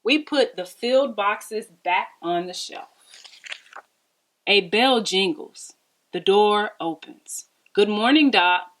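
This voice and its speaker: Reading a children's story out loud, a woman narrates expressively and deliberately in a mid-range voice.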